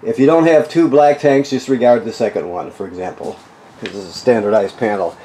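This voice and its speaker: A man's voice: on the low side, fairly quick, warm tone. A man giving an informal, instructional product walkthrough, explaining features plainly and often checking that he is followed. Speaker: RV walkthrough technician. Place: in and around a travel trailer.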